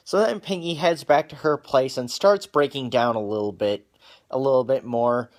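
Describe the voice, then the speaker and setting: Male reviewer, mid-range voice, casual plot recap full of stumbles and restarts. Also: mid-range voice. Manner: halting, with frequent restarts and repeated words; wears glasses on camera. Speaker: cartoon episode reviewer.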